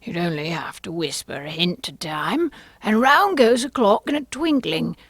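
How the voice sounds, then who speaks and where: A woman voicing an eccentric, huffy male storybook Hatter with an emphatic, drawn-out, theatrical delivery. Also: lowish voice, lively intonation, a bit bright, dry recording. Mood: sly, eager.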